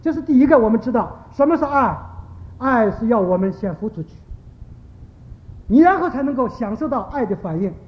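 A man's voice: very high-pitched, a little fast. A man preaching a sermon, telling stories and acting out the people in them. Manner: storytelling, animated quoting of characters. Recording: dull lo-fi recording.

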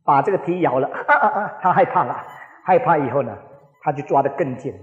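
A man in his forties preaching a sermon, telling stories with lively acted-out quotes, recorded in an echoing hall. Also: fairly high pitch, quick pace, narrow, tinny audio, soft background music. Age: 40s. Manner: animated storytelling, acts out quoted voices. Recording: echoey hall with long reverb.

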